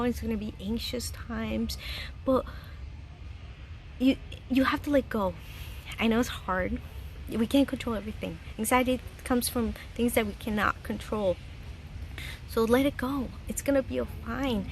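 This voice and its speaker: A Chilean vlogger in her thirties shares casual life advice from her home garden, earnest and chatty and quick to laugh. Her voice is slightly high and gravelly, and a faint hiss runs beneath the recording.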